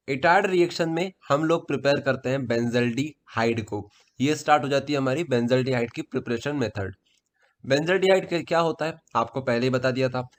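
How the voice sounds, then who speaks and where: A man from Madhya Pradesh teaching chemistry in a casual exam-prep lesson, repeating key points and asking and answering his own questions. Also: medium pitch. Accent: Hindi-speaking Madhya Pradesh.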